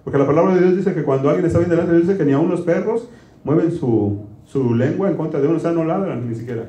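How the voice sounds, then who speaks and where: A man's voice: fairly high pitch, fast, mellow, reverberant. A man preaching a conversational sermon, folksy and quizzing his congregation with questions. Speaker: pastor.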